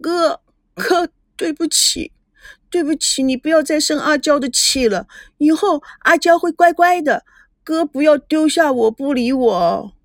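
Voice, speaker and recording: A woman's voice: animated, a little slow, dry recording, clean studio sound. Woman doing a tearful spoiled young girl. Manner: high, pleading, sobbing. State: crying.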